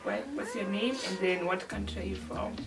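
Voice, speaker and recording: A woman's voice: mid-range voice, moderate pace, vocal fry, recorded from a distance, over loud music. A woman hosting a casual chat with friends, upbeat as she puts the questions to them. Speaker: channel host.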